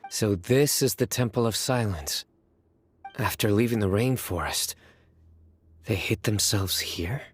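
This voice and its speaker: An actor playing a stern, calm, formidable young lawman in an anime video game, terse, grave and measured. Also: lowish voice, lightly acted.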